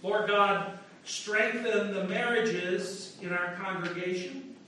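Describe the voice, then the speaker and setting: A man leading liturgical prayers as pastor, intoning in a measured, solemn way, his voice ringing through a large church. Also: high-pitched, fairly even intonation, sharp tone, distant mic, slight background noise. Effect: large church echo. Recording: echoey church heard from afar.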